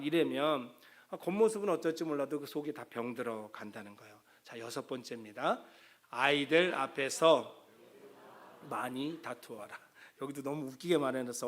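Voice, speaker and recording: A man's voice: fairly high pitch, fairly bright tone. A middle-aged man preaching a sermon as pastor, talking conversationally and acting out the words of parents and children.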